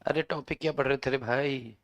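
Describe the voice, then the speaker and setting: A man's voice: mid-range voice, steady tone, a little fast, lo-fi sound. A man teaching a law class online, joking and bantering with his students.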